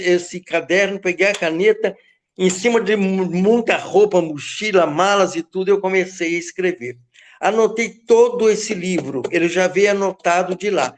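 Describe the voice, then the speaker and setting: A man from Goiás in Brazil, a poet telling the story behind his book and reciting his verses in a rhythmic, incantatory way over a video call. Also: high-pitched. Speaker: poet and guest speaker.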